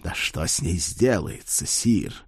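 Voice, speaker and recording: A man's voice: sits low, expressive, measured pace, husky, no echo, heavily acted. A man playing a dry old crusader servant. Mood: earnest. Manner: respectful, dry, addresses master as sire. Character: loyal, bloodthirsty old male crusader servant.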